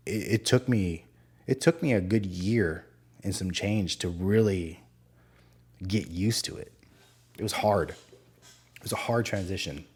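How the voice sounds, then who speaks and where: A low-pitched man with a husky, slightly rough voice, talking casually on his own podcast. He tells his story candidly, swearing freely and circling back with fillers as he reflects. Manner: candid, profane, self-reflective with frequent fillers. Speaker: podcast host.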